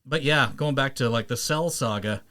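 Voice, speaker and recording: A man in his thirties hosting a casual podcast, animated and quick to break into cartoon character impressions. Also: medium pitch. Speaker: podcast host. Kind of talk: casual chat.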